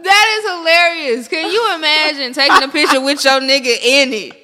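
A woman, hosting a podcast in animated, slangy, profane banter. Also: high voice, in a large hall. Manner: animated, slangy, quick to laugh. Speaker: podcast host.

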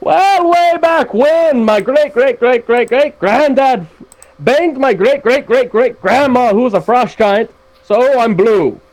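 A woman playing in a tabletop role-playing game, speaking in character in a drawn-out, deliberate way. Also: fairly high pitch, darkish tone, low-quality recording.

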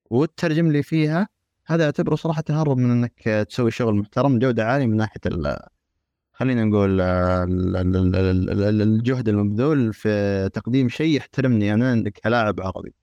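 A man in a casual gaming discussion who talks haltingly, restarting often. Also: lowish voice, a little mellow, dry recording, lo-fi sound. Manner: halting, many restarts and repeated words.

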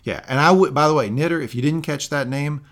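A man's voice: on the high side, fast talker, a bit bright. A man from the southern United States co-hosting a podcast, recapping an episode in a rambling, casual way with frequent restarts. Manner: rambling, with many restarts and fillers. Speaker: podcast co-host.

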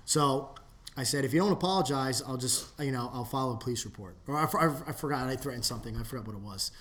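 A man in casual podcast chat, telling a long story with many restarts and trailing off into low mutters. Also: quick pace, fairly bright tone. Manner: rambling, restarts often, drops to a low mutter when quoting.

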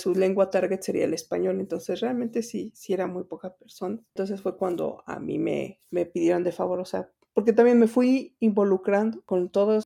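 A middle-aged Mexican woman who works as an interpreter and translator answers interview questions as a guest, rambling with many fillers and restarts. She has a Mexican Spanish accent and a medium-pitched, gravelly, warm voice.

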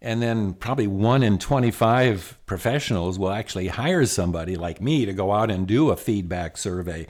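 A middle-aged man, an executive coach, telling stories in a lively, conversational way with frequent restarts and asides. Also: lowish voice, moderate pace, few pauses. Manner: animated, many restarts and asides. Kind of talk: conversational storytelling.

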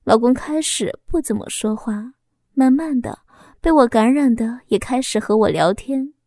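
A woman with a fairly high voice reads a first-person audio story aloud. Her delivery is soft, steady and unhurried, and the sound is dry and close, with no room echo. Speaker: narrator.

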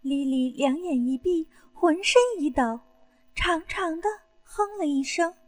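A woman narrates an erotic audio story in the first person. Her voice is high and light, intimate and breathy throughout. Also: animated, unhurried, no room sound, soft background music.

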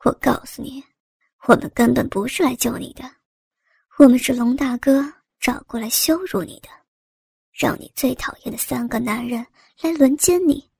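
A woman voicing a sneering, insolent male police officer who talks in a low, mocking half-whisper. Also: vocal fry, a little mellow, breathy edge, no echo, heavily acted.

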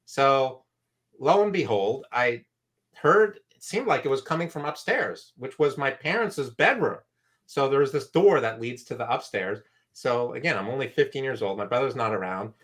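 A man's voice: medium pitch, animated, normal speed, fairly bright tone. A man from San Francisco telling a story from his youth as a guest, acting out the other voices in it. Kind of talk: storytelling in a conversation.

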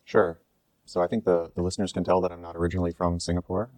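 Fast-talking man, deep and level. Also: level tone, a little mellow, no echo. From United States, near Washington DC. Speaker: startup co-founder and CEO. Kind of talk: interview answers. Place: exhibition space.

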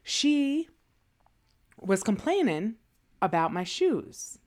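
A woman's voice: mid-range voice, big pitch swings, drawn-out words, a little mellow. A woman, co-hosting a podcast and telling stories in casual chat. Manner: chatty storytelling, laughs often. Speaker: podcast co-host.

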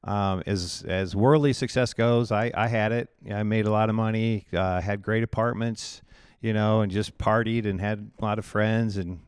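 A pastor from Iowa in his forties talks through his story in a loose, rambling way, often restarting his sentences. His voice sits fairly low and sounds smooth and clear. The recording is close and dry. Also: fairly even intonation, moderate pace, no room sound. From Iowa, USA. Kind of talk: conversational interview.

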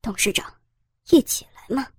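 A woman's voice: moderate pace, dry recording, close to an everyday voice. A woman voicing a smug, scheming young male delivery worker in a narrated story. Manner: smug, sly, taunting.

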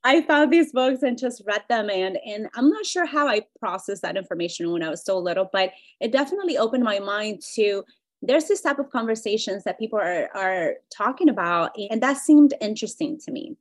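A woman's voice: medium pitch, expressive, brisk. A woman in her thirties from Ecuador, a life coach telling her story as a podcast guest. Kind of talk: casual interview chat.

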